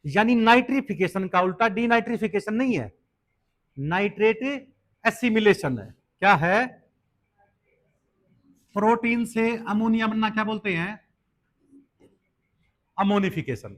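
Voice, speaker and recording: High-voiced male biology teacher. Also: animated, unhurried, pauses often, fairly bright tone. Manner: explains step by step, asks students questions; mixes English terms into Hindi teaching. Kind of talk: exam-prep lecture.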